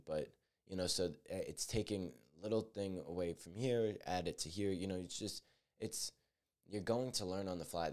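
A teenage man talks through his own solo podcast with an extremely deep, smooth and resonant voice. He speaks earnestly and reflectively, often backing up to restart a sentence and filling pauses with "you know" and "like.". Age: teens. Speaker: podcast host.

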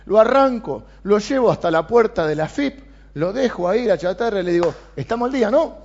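A man with a Rioplatense Spanish accent, preaching a sermon and reading scripture aloud with animated emphasis. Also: sits high, a little fast, vocal fry. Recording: dull lo-fi sound.

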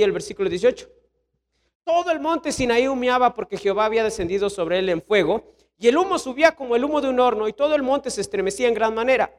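Mexican pastor guy mid-sermon, fairly high voice, swings up and down a lot, keeps asking the church questions. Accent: Mexican Spanish. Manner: animated storytelling preacher, sweeping pitch swings, rhetorical questions.

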